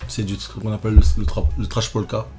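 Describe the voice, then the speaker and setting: A man's voice: on the low side, little pitch movement, quick pace, music in the background. A man in his thirties from Martinique, a guest tattoo artist talking casually, with many fillers and restarts. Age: 30s. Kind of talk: casual interview chat.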